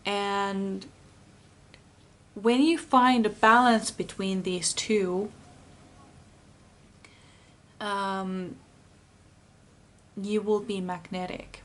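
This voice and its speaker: With a medium pitch and some vocal fry, a Finnish woman reads tarot cards for a pick-a-card session in English, which isn't her first language. She speaks softly and earnestly with a Finnish accent, slowly feeling her way and often rewording herself.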